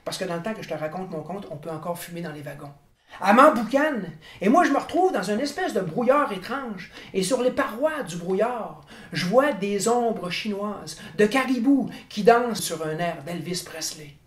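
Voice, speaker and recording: A man in his sixties with a Quebec French accent performs oral tall tales. His telling is theatrical and animated, building suspense as he goes. The recording is clearly roomy. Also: high voice, normal speed. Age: 60s. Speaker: storyteller. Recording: roomy, echoing room.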